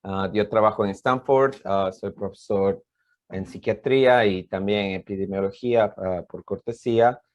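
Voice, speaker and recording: Speaking at a normal pace with a fairly low pitch, a man with an Ecuadorian Spanish accent gives an informal conference talk as a professor. He explains things hesitantly and repeats words often.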